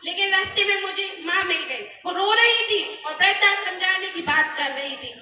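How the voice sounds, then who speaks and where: Stage drama: a woman plays a caring young husband, bright and high-pitched, echoey and distant. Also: moderate pace, slight background noise, heavily acted. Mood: defensive. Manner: earnest and pleading. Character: kind young son-in-law and husband. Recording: echoey hall from far off.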